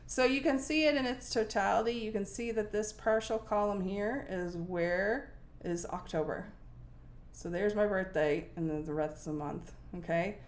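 A woman's voice: medium pitch, normal speed. A woman from Nova Scotia in her forties, chatting casually about her cross-stitch project at home, thinking aloud with plenty of ums. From Nova Scotia, Canada. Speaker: cross-stitch video host. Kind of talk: casual show-and-tell chat. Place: home room with window blinds, indoors. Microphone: fixed camera at desk distance.

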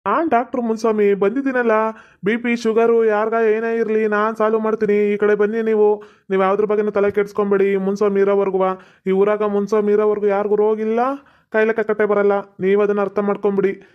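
A boastful cartoon village doctor, voiced by a man, lecturing the family and reassuring them. His voice is high for a man, smooth and resonant, and held on a flat, even pitch. The sound is dull and lo-fi. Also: a little fast, lightly acted.

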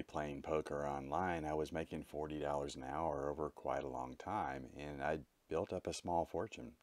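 Vlogger narrator: man with an extremely low voice, candid and matter-of-fact, dry close recording. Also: a little mellow, no room sound. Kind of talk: reflective voice-over narration.

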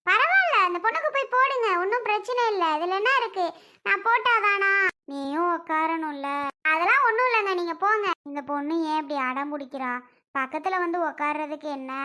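A woman's voice: very high voice, bright, forceful tone, heavily acted. A woman voicing several bickering and tearful women relatives in a family skit, talking in a chatty, exclamatory way.

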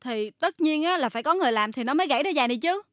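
Actress playing a brisk, insistent staffer, very fast, high voice. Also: female voice, lively intonation, fairly bright tone. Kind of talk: sitcom acting.

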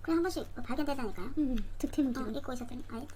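A pitch-shifted, childlike voice with a South Korean regional dialect, chatting casually and in a giggly way while crafting. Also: racing, warm tone. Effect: pitch-shifted voice, raised high and childlike. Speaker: crafting vlogger. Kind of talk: casual chat while journaling together. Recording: clearly noisy recording with clicks.

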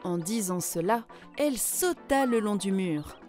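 A woman narrating a children's fairy tale in a clear, measured way. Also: mid-range voice, animated, a little mellow, faint music behind.

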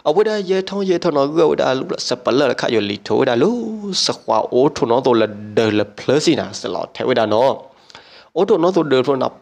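A man telling a traditional story aloud in an unhurried, steady way. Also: mid-range voice, gravelly. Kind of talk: oral folk storytelling.

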